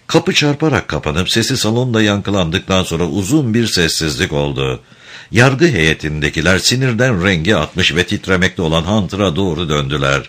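A man reading a novel aloud as audiobook narration, in a measured, steady way. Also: low voice.

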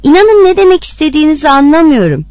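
A woman's voice: high-pitched, very animated, fast, darkish tone, no room sound, pitched above the performer's own voice. A woman voicing a flustered, frightened man who pleads in confusion in a read-aloud story. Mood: pleading. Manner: pleading, nervous.

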